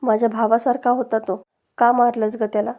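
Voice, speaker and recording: A woman voicing a scheming woman villain who fakes grief and mocks, in a flat, mellow read. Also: a little fast, lightly acted. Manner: mocking, threatening in low tones.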